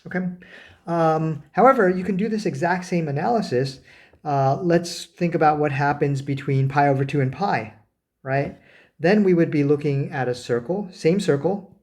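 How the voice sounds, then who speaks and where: A man's voice: fairly high pitch, normal speed. Man lecturing math while drawing. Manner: talks while drawing, frequent fillers and self-corrections; rhetorical "right?" checks with students. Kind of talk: recorded lecture at a board.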